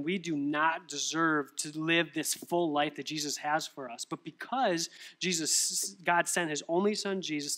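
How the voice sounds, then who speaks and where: Bright-voiced young male pastor preaching. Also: fairly high pitch. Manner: animated storytelling with rhetorical questions. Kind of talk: sermon.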